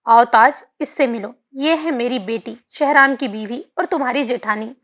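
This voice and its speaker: A woman's voice: on the high side, moderate pace, fairly bright tone, natural voice. A woman reading a doting mother. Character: loving middle-aged mother, doting. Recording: dull lo-fi audio.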